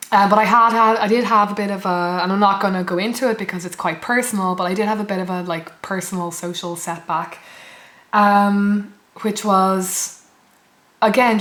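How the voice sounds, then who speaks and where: Hoarse young woman, roomy sound. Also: mid-range voice, fairly bright tone. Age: young adult. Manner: reflective, hesitant, self-correcting. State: hoarse from losing her voice. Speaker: student vlogger. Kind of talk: casual rambling vlog chat. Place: indoors in a flat.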